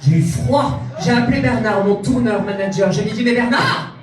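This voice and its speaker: A man's voice: high voice, brisk. A man performing a vain, grandiose female diva character in a cabaret stand-up act, with camp, self-mocking delivery. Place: cabaret club stage before a live audience. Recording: distant echoey club sound with crowd.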